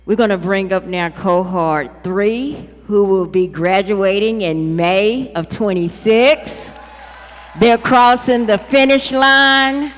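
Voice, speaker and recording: A woman's voice: medium pitch, slow pace. A woman hosting a university ceremony, upbeat and proud, with casual asides. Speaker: program host. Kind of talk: ceremony emcee speech. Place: large hall. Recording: long hall reverb.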